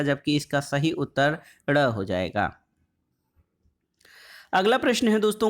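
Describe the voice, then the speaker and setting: Man, fairly high voice, exam tutor, quiz question then explanation, stretches out letter sounds. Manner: draws out sounds slowly when listing letters; calls the audience "friends". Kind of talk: exam-prep lesson.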